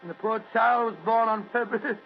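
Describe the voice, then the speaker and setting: An actor playing a genial older British gentleman doctor who tells stories in an old radio drama. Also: very high voice, steady tone, fairly quick. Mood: earnest. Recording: muffled old radio recording with hum and hiss.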